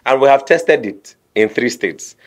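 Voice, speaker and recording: A man's voice: mid-range voice, measured pace. Man explaining with anecdotes. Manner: explanatory, mixes in lively courtroom anecdotes. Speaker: guest explaining a court technology program. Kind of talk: radio interview explanation.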